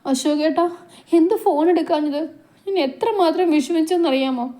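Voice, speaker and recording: A tearful young daughter, put on by a woman storyteller, pleads in a high, thin, strained voice. Her tone stays mellow and warm under the strain. It plays as a spoken Malayalam storybook reading. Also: animated, normal speed, close to an everyday voice. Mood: tearful pleading.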